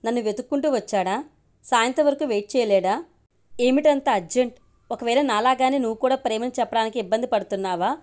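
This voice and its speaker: Woman reader doing a young woman in love, anxious, fretting out loud. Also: on the high side, fast talker, natural voice. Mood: fretful. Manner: worried, fretful.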